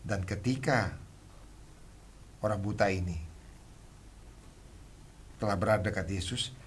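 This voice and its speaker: A man preaching a sermon who keeps addressing the listeners as brothers and sisters and shouts out the cries of a blind man. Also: fairly low pitch, unhurried, slight background noise. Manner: builds to loud shouts when acting out a blind man crying.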